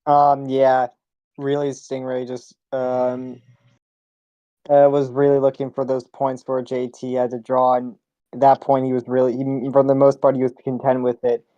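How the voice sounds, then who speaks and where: A man analyzing a card game match, hesitant, with many pauses and fillers. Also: mid-range voice, completely flat delivery, mellow, dry recording, lo-fi sound.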